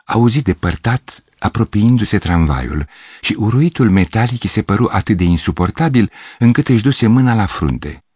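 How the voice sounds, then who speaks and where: A man narrating a literary short story in an audiobook, in a measured, steady way. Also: fairly low pitch, slightly rough, no echo, studio quality.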